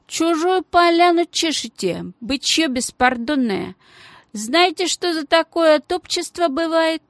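A lazy, drawling street tough , voiced by a woman reader who mocks his enemies in slow, stretched-out phrases. His speech is dry and close, with no echo. He slips into slang with easy scorn. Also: very high-pitched, animated, pitched above the performer's own voice, heavily acted. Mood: mocking.

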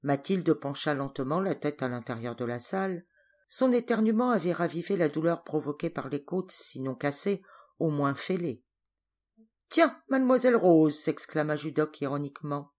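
A woman's voice: low-pitched, normal speed, darkish tone. Woman reading an audiobook aloud. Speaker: audiobook reader. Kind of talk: scripted narration.

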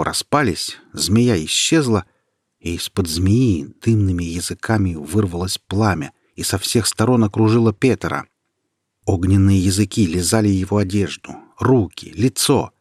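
A man narrating a fairy tale aloud at a steady, expressive pace. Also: low voice, moderate pace, husky, dry recording, studio quality. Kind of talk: storybook reading.

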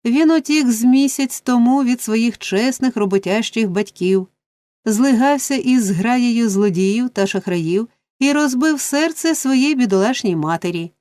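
A woman voicing a loud, wailing young woman. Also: medium pitch, animated, normal speed, no echo, natural voice. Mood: shrill pleading. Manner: wailing, pleading exclamations.

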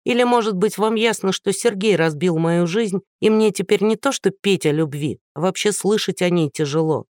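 A man reading an audiobook voices a sick, hoarse young woman singer who is indignant and close to tears. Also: sits high, moderate pace, a little mellow, no echo, close to an everyday voice.

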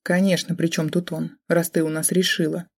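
A woman's voice: on the low side, little pitch movement, moderate pace, breathy edge. Woman reading a scornful cold mother. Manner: sarcastic and contemptuous.

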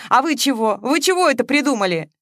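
A woman's voice: high-pitched, expressive, quick pace, no echo, studio quality, pitched above the performer's own voice. A woman reader voicing a cheerful, fussy, proud older woman in an audiobook story.

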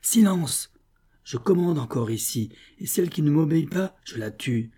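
A man's voice: medium pitch, normal speed, warm tone, husky. Man voicing a proud, anguished rebel woman commander. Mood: commanding. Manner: fierce, commanding, then tearful.

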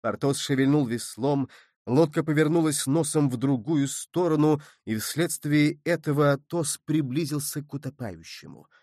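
A man reading an audiobook as narrator, in measured, steady storytelling from a close mic. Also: fairly high pitch, dry recording. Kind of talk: scripted narration.

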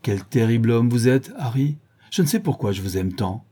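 A man's voice: mid-range voice, lively intonation, moderate pace, dark tone, husky. A man voicing an earnest, ardent young man in a classic novel audiobook.

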